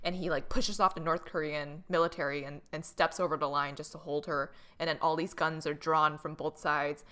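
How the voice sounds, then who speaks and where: A woman's voice: low-pitched, moderate pace. A young woman co-hosting a podcast, giggling as she retells scenes in a casual chat. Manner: giggly, animated retelling with quoted lines. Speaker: podcast co-host.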